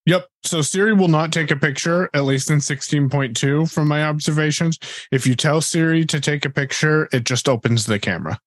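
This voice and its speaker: A man's voice: on the high side, brisk, dry recording. A man hosting a conversational tech question-and-answer session, explaining things in a courteous way. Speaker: host and tech presenter.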